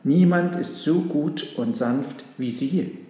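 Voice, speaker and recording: A man's voice: on the high side, slow pace, dark tone, reverberant, long reverb tail. A man voicing an older farm girl in a storybook, plaintive and wistful.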